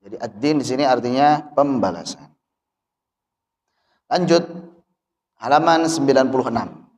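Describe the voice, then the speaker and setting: A man teaching Quran recitation, chanting verses slowly and then explaining them patiently to his students. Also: medium pitch, lively intonation, a little mellow. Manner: slow melodic chanting of verses between explanations. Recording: long hall reverb.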